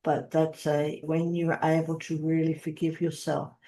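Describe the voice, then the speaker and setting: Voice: medium pitch, flat delivery, a little slow, mellow. Podcast host asking questions, encouraging, chats along. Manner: encouraging, affirming follow-ups. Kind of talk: interview hosting.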